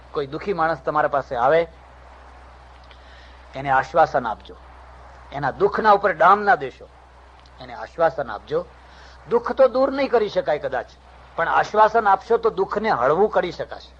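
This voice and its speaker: Older swami telling stories. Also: male voice, on the high side, breathy edge. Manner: acts out dialogue in the stories, shifting voice for each character. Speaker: swami giving a religious discourse. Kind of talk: storytelling sermon. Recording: dull lo-fi recording.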